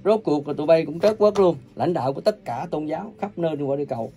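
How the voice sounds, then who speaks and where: A man delivers a furious preaching rant, scolding and cursing his listeners. His voice sits a little high but sounds dark and gravelly, and it jumps between loud bursts and low mutters. Faint music plays behind him. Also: expressive, quick pace. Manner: scolding and cursing, coarse insults; uneven volume, bursts loud then drops low. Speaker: self-proclaimed religious preacher. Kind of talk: angry ranting sermon.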